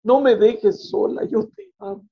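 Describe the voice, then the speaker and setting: A man voicing his pleading wife as she begs her husband to stay, in a raised, strained pitch. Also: unhurried, creaky, breathy edge, dull audio, full character voice. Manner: anguished pleading.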